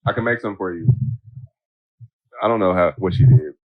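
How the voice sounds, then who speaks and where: A man's voice: low-pitched, normal speed, no echo, phone-quality sound. A man co-hosting a podcast, casually joking with his partner about their trip. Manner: joking, animated storytelling. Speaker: podcast co-host. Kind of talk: casual couple chat.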